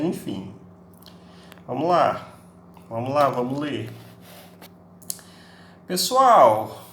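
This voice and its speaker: A man's voice: mid-range voice, fairly bright tone, a little hiss or hum. A man, an English teacher giving a recorded class lecture in a chatty way, with constant tag questions. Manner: chatty, peppers speech with tag questions, acts out students' questions. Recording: echoey room, faint ambience.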